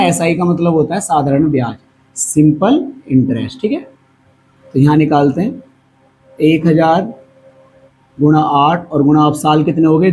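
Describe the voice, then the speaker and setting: Teaching a class at the whiteboard, a hoarse male maths teacher speaks in a fairly high, dark-toned voice over poor audio with faint background noise. He patiently asks questions and then supplies the answers himself.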